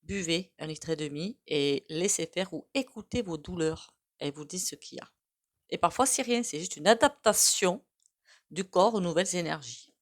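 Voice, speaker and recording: A woman's voice: on the low side, normal speed. A woman with a regional French accent giving a casual, rambling tarot reading, full of hesitations and asides. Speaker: tarot card reader.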